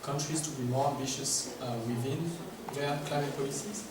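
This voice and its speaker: In a large conference room full of echo, a man with a French accent presents a workshop in English at normal speed, his mid-range voice holding a steady tone. He's hesitant, uses lots of filler words, and asks the audience questions, and the distant recording carries noise.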